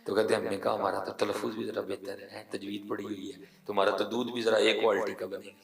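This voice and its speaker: A man delivers an emotional sermon as a storyteller, building emphasis through repeated phrases. His voice is low and gravelly. The recording has a roomy echo and catches him from some distance off. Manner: animated storyteller, repeats phrases for emphasis, swings from quiet to loud. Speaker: preacher. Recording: echoey room, voice from far off.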